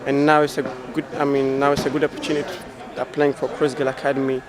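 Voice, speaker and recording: A man's voice: medium pitch, flat delivery, quick pace, very noisy. A young man from Afghanistan, a former refugee, speaking hesitantly in simple phrases, outdoors at a cricket ground.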